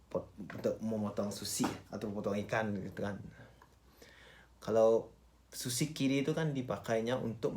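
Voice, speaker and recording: A man talks in a fairly low voice, in the loose style of a vlogger. He switches between two languages as he presents, pausing and repeating words in an informal, chatty way. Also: a little mellow. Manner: informal, halting, repeats phrases and address tags. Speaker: vlogger and cook.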